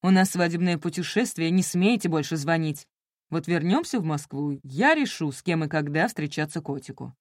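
A woman's voice: expressive, normal speed, no echo, clean studio sound. A woman voicing a haughty young newlywed wife who answers the phone coolly and turns rude. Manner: cool, then shrill and rude.

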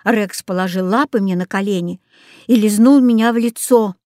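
A woman reading a children's storybook aloud in an expressive way. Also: mid-range voice, normal speed. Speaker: audiobook reader. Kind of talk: storybook narration.

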